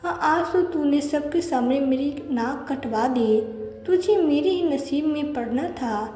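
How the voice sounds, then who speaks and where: A woman's voice: sits high, measured pace, mellow, echoey room, in a large hall, faint music behind. A woman voicing a cruel middle-aged mother-in-law who barks harsh, taunting orders. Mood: scolding.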